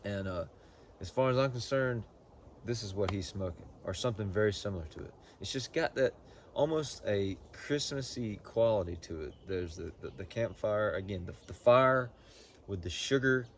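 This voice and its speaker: A man giving a casual, unscripted product review in a halting, folksy way, often repeating words as he goes. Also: lowish voice, a little hiss or hum. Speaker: pipe tobacco reviewer.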